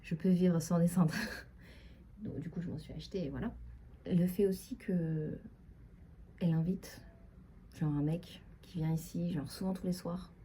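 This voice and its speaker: A young woman talks her way through a casual storytime, full of fillers and asides. Her voice is low and very dark and mellow, and at times she drops to a whisper. Faint background noise sits under the recording. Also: steady tone, a little slow, pauses often. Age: young adult. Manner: chatty, rambling, frequent fillers and asides. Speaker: vlogger.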